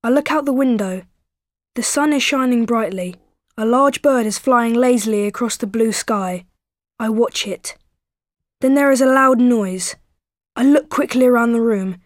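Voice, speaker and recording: A woman reading a first-person dream story for a listening exercise in a calm, descriptive way. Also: a little high, a little slow, no room sound, clean studio sound. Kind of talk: scripted narration of a dream.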